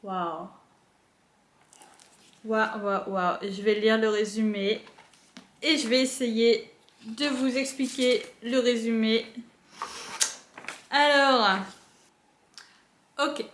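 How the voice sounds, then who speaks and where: A young woman casually chatting as she unboxes books at home, gushing with excitement and using lots of fillers. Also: on the high side, very slow, pauses often, a little hiss or hum. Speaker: book unboxing vlogger. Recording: echoey room.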